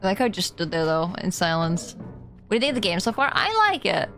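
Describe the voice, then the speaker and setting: A woman's voice: fairly low pitch, lively intonation, fast, a bit bright. A woman live-streaming a game and chatting with viewers in a cute, bubbly streamer manner, with singsong greetings. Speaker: variety streamer and artist. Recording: game music behind the voice.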